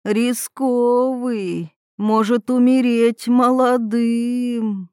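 A woman voicing a mysterious older village woman in mourning who speaks slowly and quietly, in a portentous way. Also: on the high side, steady tone, clean tone, no room sound, clean studio sound, pitched above the performer's own voice. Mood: ominous.

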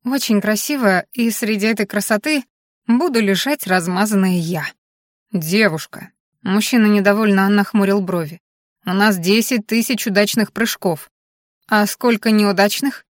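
A woman's voice: medium pitch, normal speed, no echo. Woman narrating an audiobook, dry close sound. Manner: lively, voices the characters' lines.

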